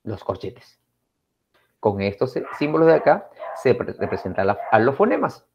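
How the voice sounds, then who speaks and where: A man's voice: mid-range voice, very animated, moderate pace, a little mellow. A male teacher from Peru explaining exam questions in a recorded lesson, with frequent tag questions and repetition. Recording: dull lo-fi sound, faint noise.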